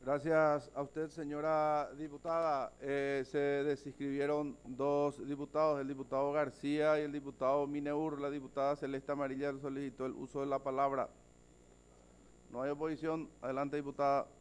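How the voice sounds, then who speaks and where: Flat-voiced man chairing a session. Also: a little high, moderate pace, smooth. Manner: brief, procedural. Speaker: session president. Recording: voice from far off the mic.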